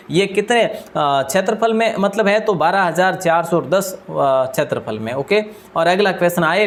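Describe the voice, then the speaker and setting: A male teacher runs a rapid exam-prep quiz with a slightly high voice. He speaks quickly and keeps asking his questions aloud, then answers them himself. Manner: deliberately speaks fast.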